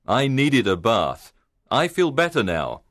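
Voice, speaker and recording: A man's voice: medium pitch, wildly swooping pitch, measured pace, a bit bright, no room sound, clean studio sound, voice pushed up. A man voicing a thin but strong young outlaw leader who is bold and friendly, with a confident, commanding tone in a storybook reading.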